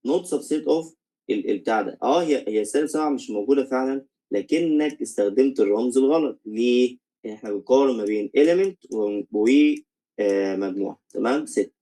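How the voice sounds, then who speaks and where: Fast-talking Egyptian man teaching math. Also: medium pitch, mellow, rough recording. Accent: Egyptian Arabic. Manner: explains step by step, asks "okay?" after each point; mixes English math terms into Arabic. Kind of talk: recorded lecture.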